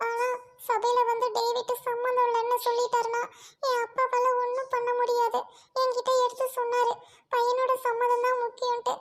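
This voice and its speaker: A woman's voice: very high-pitched, monotone, normal speed. A woman voicing a young woman doctor who pleads and insists, in an amateur audio drama. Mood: pleading.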